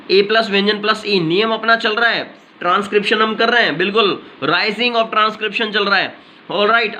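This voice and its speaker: A man's voice: sits high, sharp tone, slight background noise. A man teaching English pronunciation with an Indian English accent, explaining step by step and repeating each word, switching between Hindi and English. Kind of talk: pronunciation lesson.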